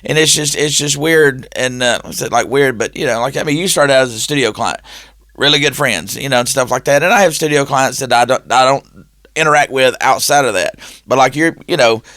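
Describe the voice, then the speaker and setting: Recorded in studio quality with no echo, a man in his fifties with a mid-range voice speaks fairly quickly. He's a lively storyteller chatting casually, performing each line of dialogue as he narrates.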